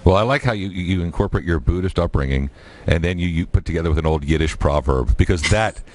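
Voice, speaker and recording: A male talk radio host interviewing a guest, joking often with quick asides. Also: deep voice. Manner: jokey, animated, quick asides.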